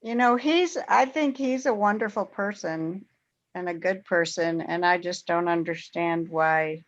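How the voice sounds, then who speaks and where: A woman's voice: fairly low pitch, unhurried. A woman in a casual group discussion, speaking earnestly and repeating herself. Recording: muffled audio with faint noise.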